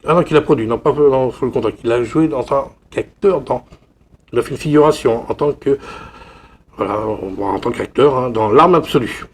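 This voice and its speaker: A man's voice: medium pitch, moderate pace. Rambling man chatting about films. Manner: rambling, full of fillers and restarts; chatty, addresses viewers directly. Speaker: film collector YouTuber. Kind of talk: casual unboxing and film review chat.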